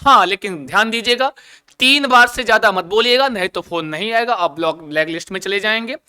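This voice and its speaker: A man's voice: sits high, sharp tone, smooth. A man teaching an online exam coaching lesson, playful, asking questions and answering them himself. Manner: chants an opening prayer slowly. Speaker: Sanskrit teacher.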